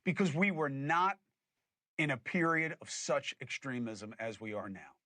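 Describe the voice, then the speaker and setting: A man hosting a podcast, giving emphatic, animated political commentary. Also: medium pitch, measured pace, no echo. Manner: emphatic and animated, with scornful laughs. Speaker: podcast host.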